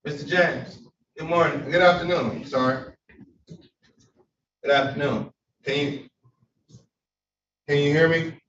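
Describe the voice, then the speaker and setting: A man's voice: on the high side, fairly even intonation, slow pace, long pauses, a bit bright, muffled recording. A man presiding as a judge over a remote hearing, formal and polite, with frequent hesitations, heard as a courtroom recording. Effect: courtroom recording from a distant room mic. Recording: roomy courtroom audio from afar, faint hum.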